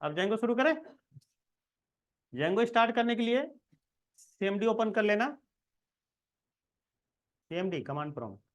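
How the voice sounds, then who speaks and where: A man's voice: sits high, lively intonation, measured pace, long pauses, muffled recording. A man giving a casual screen-recorded coding lesson, talking the viewer through each step and checking in often. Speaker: programming tutor.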